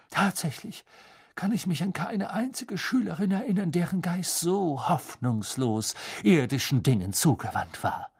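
A man voicing an eccentric older female fortune-telling teacher in an audiobook, drawn-out and airy, at times sinking to a breathy whisper. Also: on the high side, dark tone, voice pushed up. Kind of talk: audiobook character voice.

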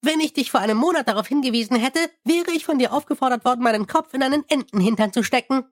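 A tiny, proud goblin clerk speaks in a squeaky, very high voice. He rattles off figures quickly and formally, like a pedantic bookkeeper in a storybook. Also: dry recording, studio quality. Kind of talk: audiobook character voice.

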